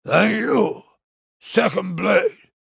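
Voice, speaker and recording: A burly alien warlord speaks in a guttural, hoarse growl, as a male narrator puts him on. The voice is gravelly and breathy, drawn out slowly with a wide, swinging pitch. It sits close and dry, with no room around it. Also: fairly bright tone, no echo, full character voice. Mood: formal. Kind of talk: audiobook character voice.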